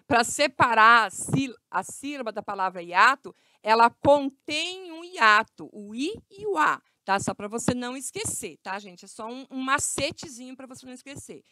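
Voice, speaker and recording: A woman's voice: fairly high pitch, animated, bright, forceful tone, no echo. A woman teacher with a Brazilian Portuguese accent, giving a grammar lesson to children, stretching out words and often checking in with her class. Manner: slow, stretched words with frequent check-ins.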